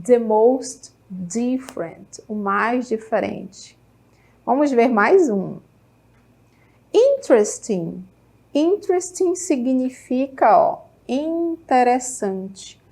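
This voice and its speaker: A middle-aged woman from Brazil with a Brazilian Portuguese accent, teaching an English lesson. She is lively and encouraging, checks in with students often, and says English words slowly and clearly. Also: on the high side. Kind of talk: televised classroom lesson.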